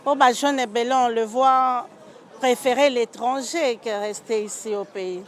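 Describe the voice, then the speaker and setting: A woman's voice: on the high side, a little slow, some chatter behind. A Congolese woman hosting a talk show interview, switching between French and Lingala as she asks questions. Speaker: host.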